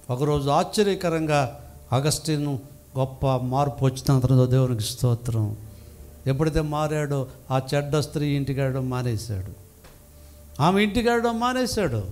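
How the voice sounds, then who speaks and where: An older man preaching a sermon in a church, emphatic and full of rhetorical questions to the congregation. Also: fairly high pitch. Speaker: pastor.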